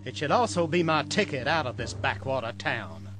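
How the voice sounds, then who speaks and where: A man's voice: mid-range voice, sing-song, moderate pace, a bit bright. A man voicing a pompous, ambitious small-town medical examiner in an adventure game, talking down to everyone. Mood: haughty. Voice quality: haughty, condescending. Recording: game music playing behind.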